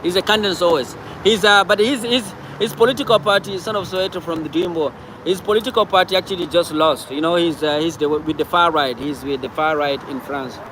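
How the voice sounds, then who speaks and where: A man hosts a loose, chatty livestream, reading out viewer comments and answering them aloud. His voice sits a little high for a man, and he often repeats his words. Loud traffic noise carries behind him. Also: a little fast. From Cameroon. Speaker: livestream host.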